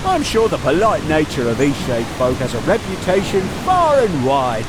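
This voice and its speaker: Chirpy cheerful creature-villager, gushing and friendly, swooping pitch, heavy hiss behind. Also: male voice, big pitch swings, moderate pace. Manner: gushing, sing-song, friendly. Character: chirpy cheerful animal-folk gardener in a game. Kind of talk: video game dialogue. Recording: loud hiss under the game audio.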